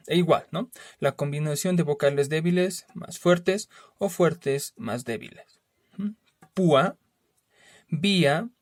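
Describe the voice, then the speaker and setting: A male teacher works through a spelling lesson, explaining patiently and repeating key terms. His voice sits a little high, and he often adds a quick questioning tag to check understanding. The recording is dry and close. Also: no echo. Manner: explains slowly and repeats himself.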